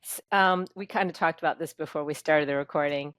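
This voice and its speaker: A woman's voice: sits low, fairly quick, a bit bright, smooth, no echo. A woman who hosts a podcast, asking questions casually and backing up her guest with frequent agreeing sounds. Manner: supportive listener with frequent backchannels and laughs. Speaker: podcast host. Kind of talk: casual interview.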